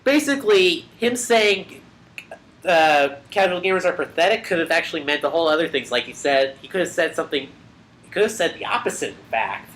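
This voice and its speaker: A podcast co-host in casual chat, loose and profane, jumping in with quick reactions. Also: mid-range voice, animated, a bit bright.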